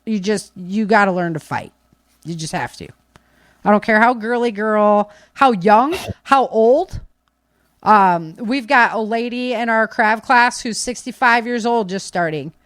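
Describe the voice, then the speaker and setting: A mid-range female voice, a little slow, comes through with no room sound. She's a podcast speaker on preparedness and self-defense, casually and insistently handing out firm, opinionated advice while repeating key phrases to stress them.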